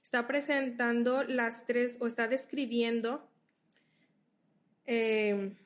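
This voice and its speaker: A woman's voice: on the high side, fairly even intonation, slow. A woman leading a Bible study. She reads verses aloud, explains them patiently and checks in with her listeners.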